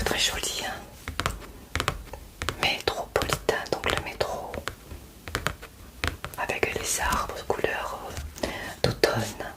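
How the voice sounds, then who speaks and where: A woman whispering a gentle unboxing in whispered role-play, halting with many fillers as she gushes over a gift box. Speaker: ASMR creator.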